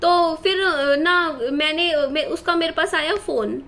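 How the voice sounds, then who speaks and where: A young woman with a fairly high voice tells her viewers a personal story in a loose, rambling vlog style. She leans on fillers and restarts her sentences often. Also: slow pace, pushed and bright. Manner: chatty, full of fillers and self-corrections. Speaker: vlogger.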